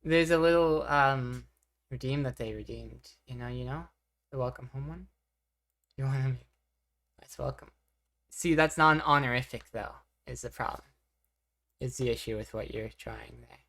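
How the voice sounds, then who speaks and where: Super deep-voiced woman streamer, laid back, chatting with chat and joking at herself. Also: moderate pace, long pauses, a bit bright. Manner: rambling, self-deprecating, reacting to chat. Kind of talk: casual live-stream chat.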